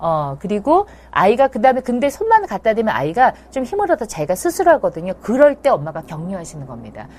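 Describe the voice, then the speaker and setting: A woman's voice: medium pitch, quick pace, few pauses, slight background noise. A woman hosting a live parenting advice show, answering viewers' comments with a chatty, reassuring manner and acting out little scenes between parents and children. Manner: animated, playfully acts out parents' and children's lines; chatty and reassuring, addresses mothers directly. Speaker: child psychology expert and host.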